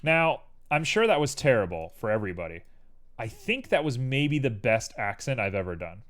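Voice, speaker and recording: A man's voice: mid-range voice, big pitch swings, moderate pace, fairly bright tone. A young man streaming while he 3D models, muttering to himself in a playful, rambling way. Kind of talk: casual livestream commentary while 3D modeling.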